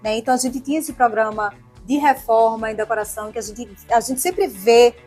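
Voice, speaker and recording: A woman with a Pernambuco accent answers interview questions in her forties, talking fast and expressively and tagging her sentences with little checks for agreement. Her voice sits a bit high and has a husky edge, with faint music behind her. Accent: Pernambuco Portuguese. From Pernambuco, Brazil. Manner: warm, expressive, chatty with frequent tag questions. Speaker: TV presenter and interview guest.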